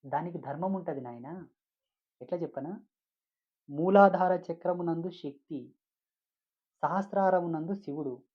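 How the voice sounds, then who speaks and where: A man's voice: on the high side, measured pace, long pauses, highs cut off. A man preaching a devotional sermon as a spiritual teacher, emphatic and repetitive, with frequent rhetorical questions.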